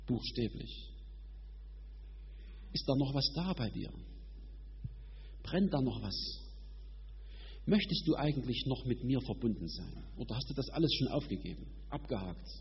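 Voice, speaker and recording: A man's voice: mid-range voice, expressive. Man preaching in an echoing hall. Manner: emphatic, colloquial, speeds up and slows down for effect. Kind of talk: sermon. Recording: dull sound in a reverberant hall with faint hum.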